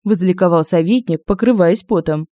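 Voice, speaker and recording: A woman reads a comic fantasy story aloud with expressive, lively delivery. Her voice is mellow and soft-toned, and it sits close on a dry home-studio mic. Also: on the low side, moderate pace, no room sound. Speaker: audiobook narrator. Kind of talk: scripted narration of humorous fantasy.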